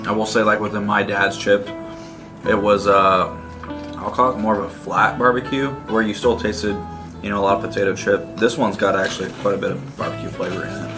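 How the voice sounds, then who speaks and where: A man's voice: fairly low pitch, flat delivery, a little fast, music in the background. A man co-hosting a casual food review, plain-spoken as he explains what he thinks. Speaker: co-host of a snack review show.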